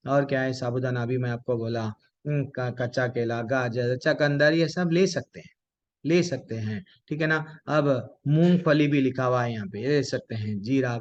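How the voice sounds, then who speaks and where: A man's voice: on the high side, lo-fi sound. A man leading an online devotional class. He keeps asking rhetorical questions and answers them himself, and he addresses his listeners with devotional honorifics.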